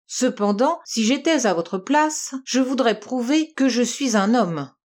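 A woman reading aloud and voicing a shrewd male police investigator who questions calmly and coaxingly. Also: fairly high pitch, measured pace. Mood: probing. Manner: calm, coaxing, probing.

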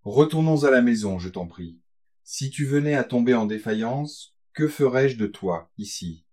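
A man reading a gothic tale aloud, voicing an anxious young woman who pleads gently with her lover. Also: mid-range voice, expressive, normal speed, close to an everyday voice. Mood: pleading.

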